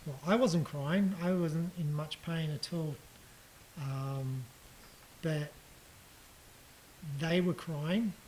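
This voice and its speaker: A man giving a casual personal account of his hospital stay, halting and reflective, with frequent ums and restarts. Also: on the high side, darkish tone, slight background noise, rough recording. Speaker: patient recounting his surgery.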